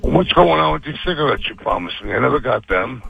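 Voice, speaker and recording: A gravelly man's voice comes through a prison payphone call, dull and lo-fi on the line. He talks in a defensive, confrontational way, swinging widely in pitch and swearing as he pushes back. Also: very animated, brisk, soft background music. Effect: heard over a prison payphone call. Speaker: inmate calling his wife. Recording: muffled lo-fi phone line.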